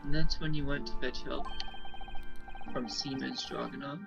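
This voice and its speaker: A man's voice: medium pitch, steady tone, moderate pace, gravelly, muffled recording, music in the background, natural voice. A man reading the part of a young defense attorney, questioning a witness step by step while playing a game with friends. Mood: probing. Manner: probing, methodical questioning.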